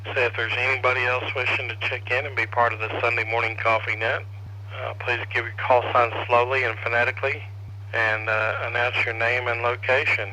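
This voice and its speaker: A man's voice: mid-range voice, level tone, fairly quick, pushed and bright, rough recording. A man hosting a ham radio net as controller, casually calling for check-ins and passing turns. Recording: faint noise on radio net audio.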